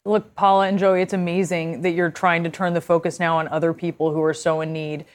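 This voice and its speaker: Gentle, probing woman news anchor. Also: on the low side, flat delivery, fairly quick. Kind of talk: live news interview.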